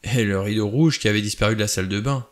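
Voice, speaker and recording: A man's voice: fairly low pitch, quick pace, close to an everyday voice. A man playing a blustering hothead. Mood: agitated. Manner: loud, blustering outbursts. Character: brutish, hot-tempered middle-aged man, threatening and loud.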